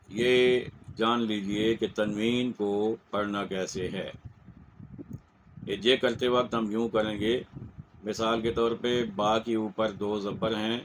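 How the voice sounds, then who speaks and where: A man with a Pakistani Urdu accent giving a slow, patient lesson in Quran recitation, repeating each point. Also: fairly low pitch, a little hiss or hum, poor audio. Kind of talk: step-by-step lesson.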